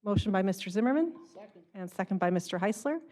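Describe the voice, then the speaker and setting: Woman, council chair, procedural announcements, brisk, formal. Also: mid-range voice, expressive, mellow. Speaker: council president chairing meeting. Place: council chamber.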